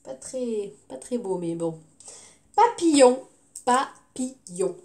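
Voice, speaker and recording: A woman's voice: fairly high pitch, very animated, warm tone. A woman teacher giving a recorded phonics lesson to young children, sounding out words syllable by syllable. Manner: slow, clearly articulated syllables.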